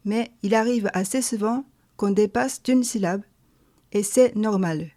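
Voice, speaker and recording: Woman, teacher, slow careful lesson narration, soft mellow tone. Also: medium pitch. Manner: calm, careful, step-by-step explaining. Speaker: language teacher.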